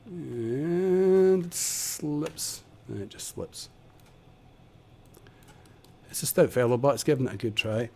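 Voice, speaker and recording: A man's voice: medium pitch, moderate pace, creaky, long pauses, a little hiss or hum. Man chatting through a build stream. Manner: chatty, muttering while building, self-deprecating. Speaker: game streamer. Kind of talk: casual live-stream tutorial commentary. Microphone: desk condenser microphone.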